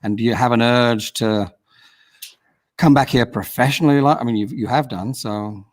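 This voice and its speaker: A man's voice: medium pitch, normal speed. A man from the UK hosting a casual interview over a video call, chatty and rambling with some teasing. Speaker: host.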